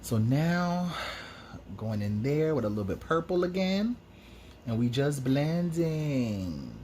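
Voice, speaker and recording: A man's voice: on the high side, sing-song, takes it slowly, mellow, a little hiss or hum. A man talking through a makeup tutorial as host in a sassy, campy drag queen manner, chatty and slangy. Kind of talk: casual makeup tutorial commentary with chatty asides.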